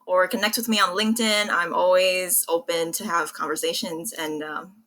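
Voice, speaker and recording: As a guest in an interview, a young Vietnamese woman in public relations responds in an earnest, articulate, conversational manner. She speaks at a moderate pace with fairly even intonation, and her voice is on the low side with a fairly bright tone.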